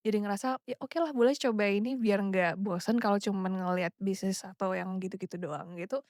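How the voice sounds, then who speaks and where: A woman from Surabaya, in her thirties, guests on a casual podcast interview. She speaks in a chatty, relaxed way and moves freely between Indonesian and English. Her voice sits at a middle pitch, recorded dry and close. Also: brisk, dry recording. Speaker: guest, climate strategy executive.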